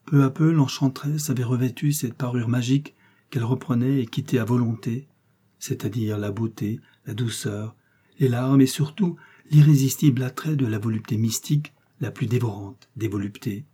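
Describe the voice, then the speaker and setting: Dark, husky male audiobook narrator. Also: mid-range voice. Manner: measured, expressive reading.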